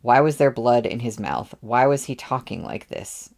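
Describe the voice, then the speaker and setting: A man's voice: medium pitch, lively intonation, moderate pace, creaky, a little mellow. A man reading a novel aloud as narrator, with offhand asides between passages. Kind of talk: audiobook readalong.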